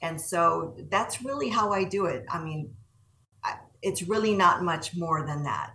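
A woman's voice: fairly low pitch, lively intonation, measured pace, sharp tone, a little hiss or hum. Earnest woman in an echoey room. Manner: earnest, repeats words while searching for them. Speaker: guest entrepreneur. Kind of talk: interview answers. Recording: echoey room heard from a distance.

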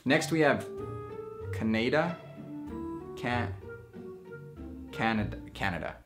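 A young man hosting a casual vlog, jokey and quick to swing from loud excitement to mumbled asides. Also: mid-range voice, over music. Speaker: vlogger host.

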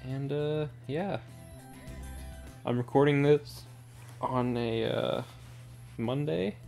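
A man chatting loosely over his own gameplay with dry, sarcastic asides, his voice sitting at an ordinary middle pitch. Faint game music runs underneath him. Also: takes it slowly, gravelly, darkish tone. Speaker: gaming video creator. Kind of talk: casual gameplay commentary.

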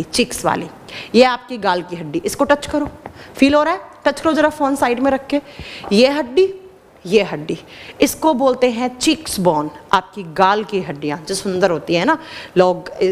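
A woman teacher giving an animated classroom lecture, quizzing her students and answering her own questions. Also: mid-range voice, long reverb tail. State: dry throat.

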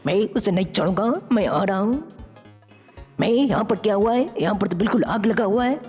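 The same earnest young hero, a brave boy who transforms into aliens in a fan-made game story, is voiced by a woman with an animated, fairly quick mid-range voice, darkish and slightly rough. He sounds eager and mutters to himself while acting. Faint music plays in a reverberant space.

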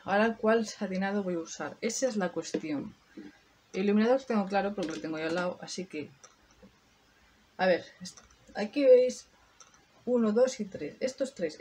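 A woman's voice: medium pitch, dark tone, a little hiss or hum. A woman talking viewers through a makeup tutorial in a chatty way, thinking aloud as she works. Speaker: beauty vlogger. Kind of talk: casual makeup tutorial chat.

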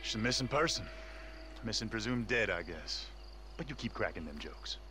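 Man doing a tired sarcastic frontier townsman, low dry drawl. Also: lively intonation, moderate pace, over music, lightly acted. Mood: weary.

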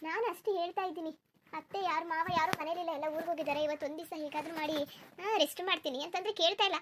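A woman's voice: extremely high pitch, fairly even intonation, a little hiss or hum. A woman voicing a lazy, sleepy young wife in a cartoon, complaining and stubbornly refusing to get up. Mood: whiny. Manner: complaining, stubborn, rapid-fire. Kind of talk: cartoon voice acting.

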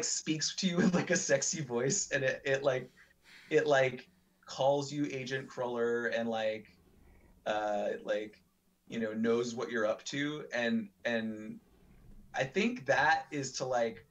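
A man's voice: mid-range voice, slow pace. A man giving casual, rambling commentary over a video game, full of fillers and the odd swear. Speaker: let's play commentator. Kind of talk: casual gameplay chat.

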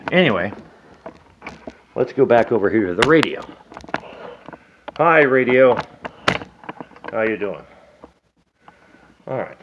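Working on an antenna indoors at his home table, a man talks through the build casually, addressing himself and the radio. He is expressive and slow at a medium pitch, pausing often, and the lo-fi recording has a noisy background.

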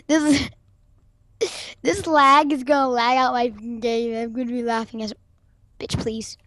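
A woman hosting a gaming video, excitable and swearing constantly as she plays and trash-talks opponents on a voice call. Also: a little high, unhurried, dry recording. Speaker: gaming channel host. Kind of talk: casual gameplay commentary.

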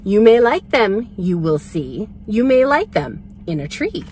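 Woman acting male food pusher, storybook, persistent, coaxing, rhyming questions, very varied pitch. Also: big pitch swings, a little slow, darkish tone, a little hiss or hum. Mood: eager coaxing. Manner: coaxing, sing-song rhymed questions. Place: inside a parked vehicle.

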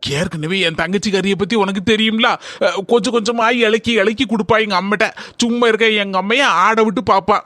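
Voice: mid-range voice, a little fast, sharp tone, no room sound, studio quality, natural voice. A voice actor playing a harried village husband in a cartoon comedy, urgent and nagging. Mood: exasperated.

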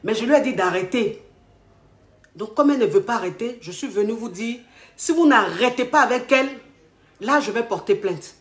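A woman telling her life story in casual, animated speech, quoting the people she met. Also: a little high, moderate pace. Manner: animated retelling with acted quotes. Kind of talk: personal storytelling. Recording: echoey room.

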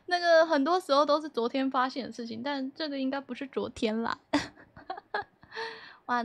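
A young woman streams from home and chats loosely with her viewers, reading their messages aloud. Her voice sits a little high and she giggles through her lines, playful and teasing. The sound is dry and close on a desk mic with no room echo. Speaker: livestreamer. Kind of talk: casual chat with viewers.

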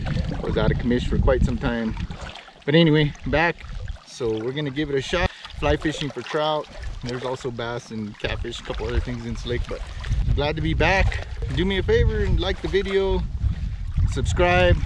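A man narrating casually to viewers while fly fishing from a kick boat on a lake, recorded on a boat-mounted action camera. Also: mid-range voice. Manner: relaxed, talks to viewers between casts. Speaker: fishing vlogger. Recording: dull lo-fi sound with loud wind noise. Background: wind and water.

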